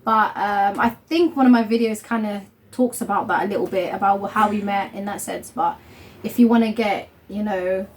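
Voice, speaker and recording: A young woman from a Somali family hosts a casual couple vlog at home, speaking at a moderate pace in a medium-pitched voice. She's chatty and rambling, full of fillers and laughter.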